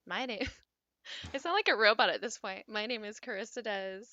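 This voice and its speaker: A woman hosting a podcast in a playful casual chat, drawing her words out slowly. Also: medium pitch, pushed and bright, no echo. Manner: playful, slow and drawn out. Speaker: podcast host. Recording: dull lo-fi sound.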